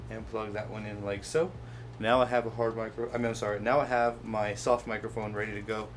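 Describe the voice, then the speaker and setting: A man with a fairly low voice hosts an informal how-to product video, talking through the process step by step as he handles things. There is slight background noise.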